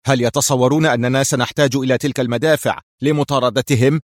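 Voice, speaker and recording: A man's voice: medium pitch, fairly even intonation, quick pace, dry recording, studio quality, lightly acted. A man voicing a ruthless male commander who barks orders in a harsh, commanding way.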